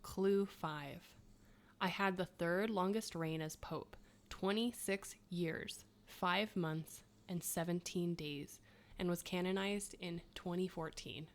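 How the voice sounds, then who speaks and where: A podcast co-host in her thirties speaks at a slow pace with a fairly low pitch. She reads out quiz clues and chats, laughing often and poking fun at herself in asides.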